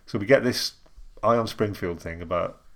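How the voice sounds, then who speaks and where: Male podcast co-host, young, lowish voice, giggly and rambling. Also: moderate pace, gravelly, fairly bright tone. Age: young adult. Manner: chatty, laughs often, lots of ums and restarts. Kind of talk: casual chat.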